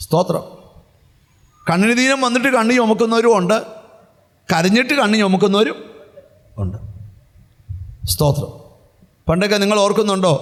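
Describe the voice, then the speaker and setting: A man's voice: high voice, a bit bright. A male pastor preaching a sermon and often breaking in with refrains of praise. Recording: hall reverb, church sound system.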